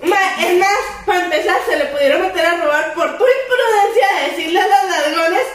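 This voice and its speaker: A young woman with a Costa Rican accent and a high voice talks in a lively, slangy way and laughs a lot. She sits well back from the mic in a very echoey room. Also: a little fast, far from the mic. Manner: animated, slangy, laughs often. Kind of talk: casual chat.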